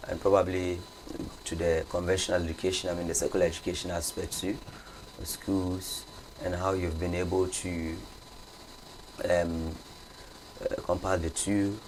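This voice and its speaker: A man hosting an interview, preaching in Hausa before calmly questioning his guest and repeating her answers back. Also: low voice, slight background noise. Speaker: host. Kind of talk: radio interview, opens with Hausa sermon.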